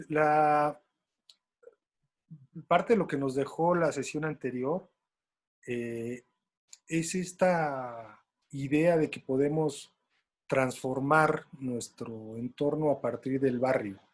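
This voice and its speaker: A man with a Mexican Spanish accent moderates a panel loosely and colloquially, telling stories as he goes. His voice is mid-range, and he speaks slowly with long pauses.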